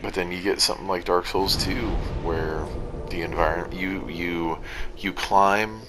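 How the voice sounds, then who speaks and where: A man's voice: deep voice, fairly even intonation, unhurried, noisy background. A tired, sleepy man giving rambling, self-deprecating commentary over his own gameplay recording. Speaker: gaming video commentator.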